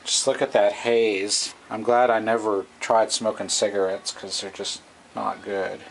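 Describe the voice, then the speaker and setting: A middle-aged hobbyist who restores vintage radios walks through his work casually and off the cuff, hesitating and thinking aloud. His fairly low voice keeps a level tone, unhurried and with vocal fry, picked up by the camera's own microphone in a noisy amateur camcorder recording.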